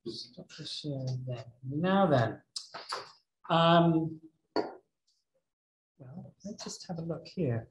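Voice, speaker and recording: Male moderator, slow and offhand, slightly high voice, echoey room. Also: lively intonation, a little hiss or hum. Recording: roomy echo.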